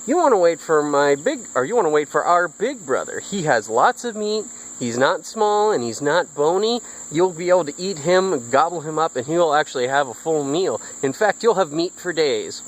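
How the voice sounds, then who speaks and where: A man doing a bony, coaxing billy goat with a high voice. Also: animated, moderate pace, hardly any pauses, natural voice, rough recording. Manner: coaxing, persuasive. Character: bony middle male billy goat, persuasive.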